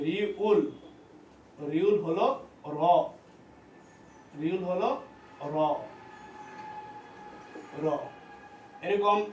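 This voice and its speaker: Male teacher drilling letters; high voice, echoey classroom. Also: slight background noise. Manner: repeats letter names slowly, drilling. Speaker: language teacher. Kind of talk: classroom lesson. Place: training center classroom. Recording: echoey room, mic at a distance.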